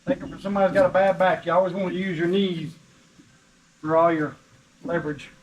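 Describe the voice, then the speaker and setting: A man's voice: sits high, little pitch movement, brisk, highs cut off, slight background noise. A man, joking around and giving practical tips while he works on an old truck in his shop. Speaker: custom shop owner, co-host. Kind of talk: casual shop vlog talk. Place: auto shop garage.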